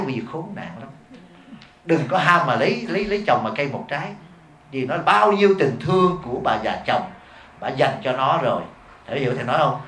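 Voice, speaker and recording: Fast-talking monk preaching. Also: male voice, fairly high pitch, a bit bright, a little hiss or hum. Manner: blunt and emphatic, keeps questioning the audience. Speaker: Buddhist monk teacher. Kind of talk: sermon. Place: hall before a live audience. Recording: echoey hall.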